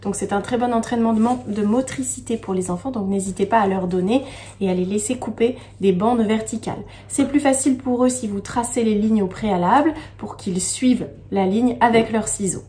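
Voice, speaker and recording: A kindergarten teacher speaking to young children in a slow, sing-song way, stressing each syllable and reading a poem gently. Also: female voice, medium pitch. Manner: reads the poem slowly and gently.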